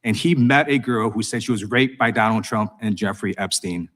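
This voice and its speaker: A man's voice: lowish voice, normal speed, a bit bright. An American man questioning a witness at a formal hearing as a congressman, prosecutorial, insistent and accusatory. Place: government hearing room.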